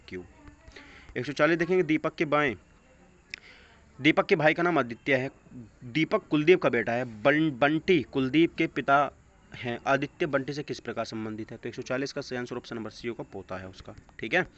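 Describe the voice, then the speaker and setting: A man with a mid-range, fairly bright voice leads an exam coaching lesson a little fast, going through questions and answers and blending in English phrases. Background noise is clearly audible on the dull, lo-fi audio.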